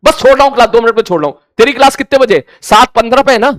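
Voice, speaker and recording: A man's voice: very high voice, rapid-fire, fairly bright tone, no echo, studio quality. A man teaching a physics class, acting out back-and-forth dialogue with imagined students in a conversational way. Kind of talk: classroom lecture.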